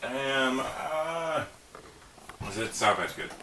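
A man's voice: mid-range voice, expressive, very slow. A young man chatting casually as a challenge contestant while tasting and eating sour candy. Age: young adult. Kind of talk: casual chat. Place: small bedroom, indoors. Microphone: camera across the room. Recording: roomy, noisy home video, distant mic.

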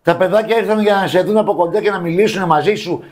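A man co-hosting a showbiz gossip show, talking casually and mocking the celebrities he discusses with scorn. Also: sits high. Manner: scornful, mocking, animated opinions.

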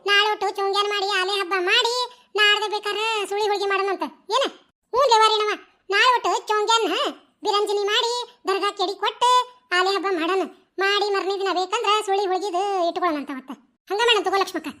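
A woman's voice: very high voice, steady tone, quick pace, pushed and bright. A woman voicing a chatty, stingy older village woman in a cartoon comedy, speaking with a North Karnataka Kannada accent, bantering, laughing, and stammering when she is caught out. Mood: gossiping.

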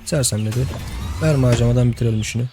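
A man's voice: mid-range voice, very fast, over music. A young man giving casual let's-play commentary, chatting to the game's characters and laughing often. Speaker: gameplay host.

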